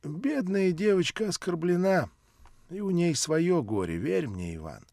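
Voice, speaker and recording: A sorrowful old man, as a male reader voices him, slow and soft-spoken, with a slightly raised pitch. The audiobook reading sounds dry and close. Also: big pitch swings, no room sound. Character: grieving old man, gentle and pleading.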